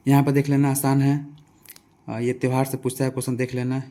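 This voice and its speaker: A man's voice: medium pitch, monotone, fairly quick, warm tone. A man with a Bihari Hindi accent teaching a casual exam revision lesson, asking quiz questions and answering them himself. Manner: conversational, repeats answers, asks and answers own questions.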